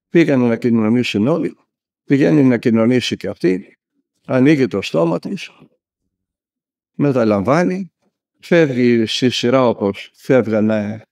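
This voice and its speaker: A man's voice: mid-range voice, vocal fry, a little mellow, no room sound, clean studio sound. A man from Greece, a monk and spiritual elder, preaching a sermon and telling stories vividly, acting out the people he quotes. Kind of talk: spoken sermon.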